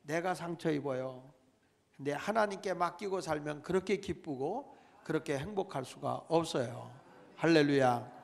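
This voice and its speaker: High-voiced preaching man in echoing church. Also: moderate pace, creaky. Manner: preaching with calls to the congregation and dramatic emphasis. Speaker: pastor. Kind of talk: sermon. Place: church sanctuary. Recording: long church reverb.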